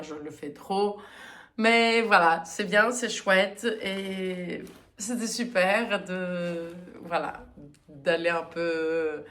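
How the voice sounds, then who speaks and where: A woman hosting her knitting podcast in a casual, chatty way, often pausing with hesitant fillers. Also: lowish voice, a bit bright. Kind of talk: casual chat.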